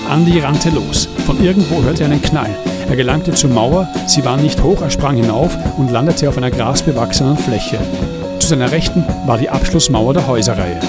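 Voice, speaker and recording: A man narrating an audiobook in a calm, measured way. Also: medium pitch, loud music behind the voice.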